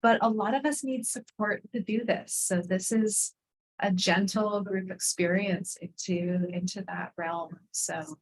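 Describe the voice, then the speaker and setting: A woman speaking as a podcast guest, explaining her coaching work in a reflective, earnest and gently enthusiastic way. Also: medium pitch, steady tone, measured pace, poor audio. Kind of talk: conversational interview.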